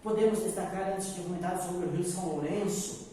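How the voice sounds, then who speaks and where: Man, from Brazil, geography teacher, slightly high voice, echoey roomy sound. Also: a little fast, warm tone, a little hiss or hum. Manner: explains step by step, often checks in with "tá, gente?". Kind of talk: recorded geography lesson. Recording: echoey room, mic far off.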